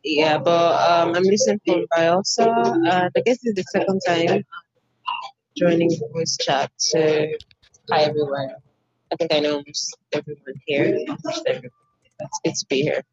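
A woman's voice: deep voice, fairly even intonation, normal speed, a little mellow, a little hiss or hum. A woman greeting a book club voice chat in a hesitant way, with fillers. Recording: lo-fi voice chat audio.

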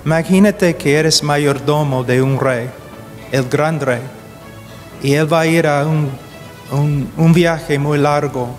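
A man with a slightly high voice preaches a sermon slowly in a hall, deliberate and halting as he searches for words, then turning urgent and emphatic. The recording carries long hall reverb and faint music.

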